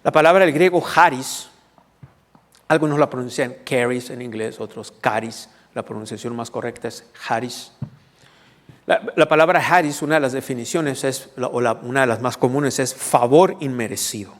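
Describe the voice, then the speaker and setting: A man's voice: medium pitch, normal speed. A man preaching a teaching sermon. He explains scripture and keeps checking in with the congregation. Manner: teaching, asks the congregation questions. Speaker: pastor. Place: church hall. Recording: long reverb of a church hall.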